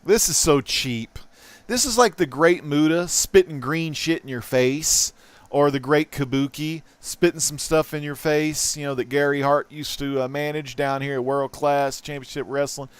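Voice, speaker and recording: A man hosting a casual comic book haul vlog, chatty and excitable, swinging from loud bursts to mumbled asides. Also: on the high side, moderate pace, clean tone, no room sound. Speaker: host.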